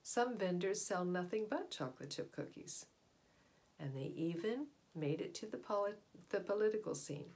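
Sitting before wooden doors in a small indoor room at home, a middle-aged storyteller reads aloud from a children's nonfiction book, her voice medium in pitch. She stresses words deliberately and expressively and adds explanatory asides, recorded on a device mic roughly an arm's length away.

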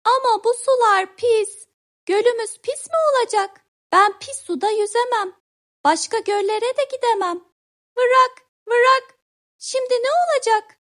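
A woman voicing a young, easily alarmed frog who croaks and frets in a children's story. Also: measured pace, fairly bright tone. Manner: shrill croaking cries.

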